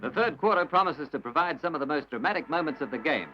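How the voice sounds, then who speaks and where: High-voiced man in an old newsreel. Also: lively intonation. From Australia. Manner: brisk, formal announcer delivery. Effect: old newsreel recording. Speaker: newsreel commentator. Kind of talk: old newsreel sports commentary. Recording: dull lo-fi old film soundtrack with hiss.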